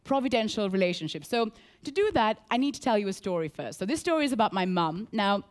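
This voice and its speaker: A woman from Sri Lanka preaching a sermon, earnest and animated, repeating key phrases and telling a story. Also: mid-range voice, fast talker.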